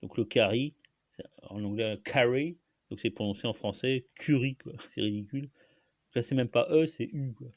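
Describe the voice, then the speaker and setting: A man's voice: mid-range voice, normal speed, darkish tone, no echo. A man hosting a solo talk, explaining words in a hesitant, rambling way, full of fillers, restarts and coughs. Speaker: host.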